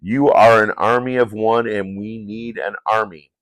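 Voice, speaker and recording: A man's voice: on the low side, fairly even intonation, a little slow, fairly bright tone, no room sound. A man reading a solemn old warrior.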